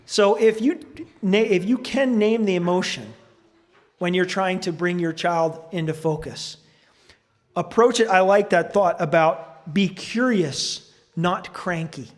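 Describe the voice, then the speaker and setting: A man giving a church sermon, earnest and thoughtful, reading suggestions aloud with occasional fillers and pauses. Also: sits high. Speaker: preacher. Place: church sanctuary.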